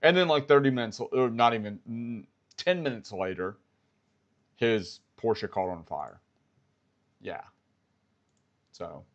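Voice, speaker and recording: An American vlogger giving live-stream commentary, retelling events in a storytelling way and repeating himself. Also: male voice, mid-range voice, lively intonation, slow, long pauses, highs cut off. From United States.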